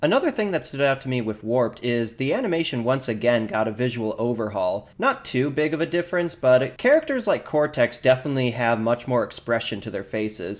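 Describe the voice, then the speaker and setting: Chatty male podcast co-host. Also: mid-range voice. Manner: lively storytelling, slips into quick silly voices. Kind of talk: casual podcast chat about video games.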